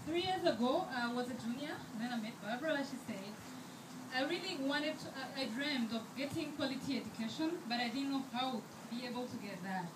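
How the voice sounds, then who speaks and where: Her high-pitched voice is expressive and a little fast as this Rwandan scholarship student in her twenties speaks earnestly at a fundraiser, stumbling through fillers and restarts. The handheld mic is held too far off, leaving an echoey hall sound, distance, and background noise.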